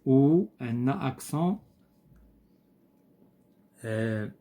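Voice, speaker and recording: Speaking at an even pitch, a male teacher with a Moroccan Arabic accent works through an exercise in a French textbook. He is patient and methodical, repeating every example word and pausing on small, hesitant fillers.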